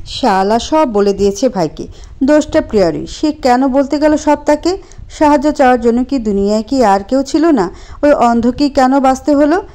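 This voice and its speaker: A woman narrating a sad romance story in a steady, emotive reading style. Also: fairly high pitch.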